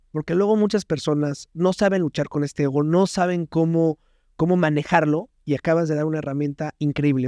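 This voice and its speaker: A male podcast host sums up his guest's points and turns to speak to his listeners. His voice sits somewhat high for a man. The recording is dry and close. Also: darkish tone, no echo. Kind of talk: interview host.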